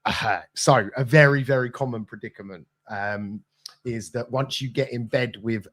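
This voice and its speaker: Guy co-hosting a live business q&a, mid pitch, friendly and reassuring. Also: moderate pace, a bit bright. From United Kingdom. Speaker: podcast co-host.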